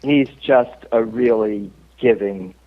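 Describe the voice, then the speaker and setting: A male actor, a guest on an interview show, telling stories in relaxed chat, laughing often and stopping on many fillers. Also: lowish voice, slow pace. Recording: tinny phone line.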